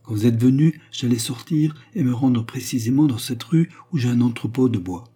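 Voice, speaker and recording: A man's voice: mid-range voice, moderate pace, warm tone, husky, voice pushed up, close to an everyday voice. A man reading aloud, playing a good-hearted young workshop owner in an earnest, friendly way. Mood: kindly.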